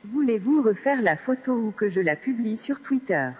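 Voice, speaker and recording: A friendly companion robot speaks in a synthetic text-to-speech voice, polite and chirpy, as a small device plays it out. The tone is airy and a little breathy. It rings out with the long reverb of a big event hall. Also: medium pitch, expressive, normal speed. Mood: cheerful. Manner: polite, chirpy scripted replies. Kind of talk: live on-stage robot demo. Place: event stage in a large hall.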